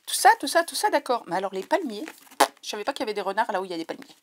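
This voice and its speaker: A woman's voice: mid-range voice, sing-song, rapid-fire, slight background noise. A woman on a crafting vlog, overexcited and talking through a headset, gushing and repeating her words as she chats to viewers. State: overexcited, heart pounding. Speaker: crafting vlogger. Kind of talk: excited unboxing chat.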